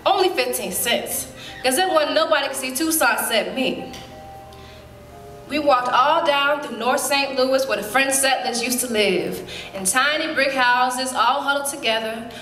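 A woman performing a dramatic stage monologue as a spirited woman recalling her girlhood, telling it in lively, colloquial speech with sudden jumps in pitch. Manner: lively storytelling, colloquial, with quick leaps up in pitch. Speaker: stage actor. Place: theater stage. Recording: roomy hall.

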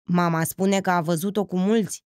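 A woman's voice: fairly low pitch, fairly even intonation, a little mellow, dry recording, studio quality, lightly acted. A woman reading an audiobook voices an awkward, dull young man asking prying questions.

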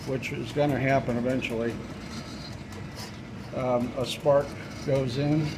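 In an indoor basement utility area, amid the noise of running water and machinery, a male plumber casually explains how he's tackling a clogged drain while he works. His medium-pitched voice is steady and relaxed, with little rise or fall, and he pauses on fillers as he goes.

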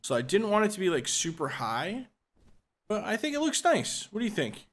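A man's voice: sits high, wildly swooping pitch, moderate pace, fairly bright tone. A man hosting a gaming channel, giving casual gameplay commentary with joking instructions and frequent laughter.

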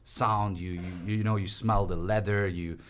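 A young man with a low voice talks through his story in a relaxed, chatty way. He gestures freely as he speaks in a small indoor podcast studio. His voice is picked up close by a studio microphone on a stand. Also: moderate pace, clean tone. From Switzerland. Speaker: guest. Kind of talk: casual interview conversation. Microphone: studio mic on stand.

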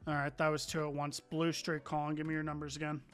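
Monotone man doing air traffic control radio calls. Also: fairly high pitch, quick pace, soft background music. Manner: clipped, procedural delivery.

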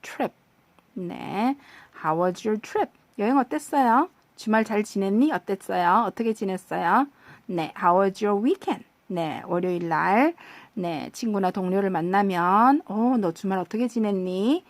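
A woman teaches an English lesson at a very unhurried pace, saying each practice phrase over and over. Her patient voice sits at a mid pitch. The recording is close and dry, with no room sound. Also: dry recording.

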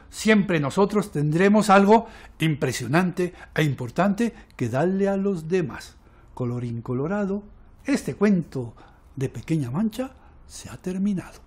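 A man telling a story to young children in a playful, expressive oral-storytelling manner. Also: high voice. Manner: expressive, playful, slow and drawn out.

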